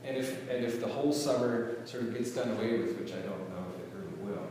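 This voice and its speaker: A man's voice: medium pitch, brisk, a little mellow, a little hiss or hum. A middle-aged man, a camp director, gives a speech to an audience, hesitant, with many fillers and restarts, recorded from a distance in a large hall. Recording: roomy hall, distant mic, faint ambience.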